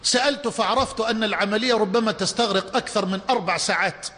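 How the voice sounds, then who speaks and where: A man with an Egyptian Arabic accent voicing a pious, gentle old man in a sermon story, speaking earnestly. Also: high-pitched, fast talker, long reverb tail.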